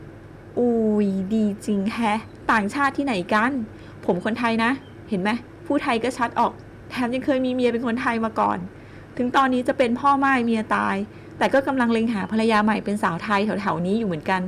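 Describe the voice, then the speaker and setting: A woman voicing a smug, playful foreign-born young man who teases in a slow, soft way, in an audiobook. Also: on the high side, slight background noise, natural voice. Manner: soft, teasing, drawn out.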